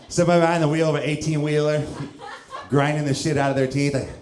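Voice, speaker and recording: A man in his thirties, originally from St. Louis, works a club stage with a handheld mic in a loose, self-mocking style, chuckling through his lines. His voice sits a touch high for a man. The room gives it a roomy echo. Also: little pitch movement, brisk, noisy background. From St. Louis, Missouri, USA. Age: 30s. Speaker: stand-up comedian. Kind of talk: stand-up comedy set.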